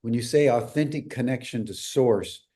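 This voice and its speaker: Guy hosting an interview, warm mellow tone, asks searching questions. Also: medium pitch, normal speed, breathy edge.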